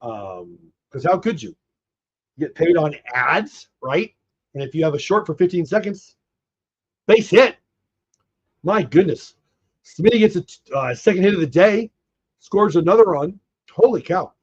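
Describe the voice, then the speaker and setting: A man hosting a live baseball watch party, excitedly calling plays and chatting with viewers, a bit hoarse as he is losing his voice. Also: a little high, moderate pace, lo-fi sound. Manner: excited, reacts to plays, talks to chat. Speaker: livestream watch party host.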